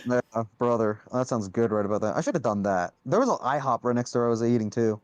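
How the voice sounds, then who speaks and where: A man's voice: medium pitch, fast talker, a little mellow, dry recording. A young man in a casual online debate, hedging and restarting a lot as he argues. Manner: hedging, restarts often, says "right?".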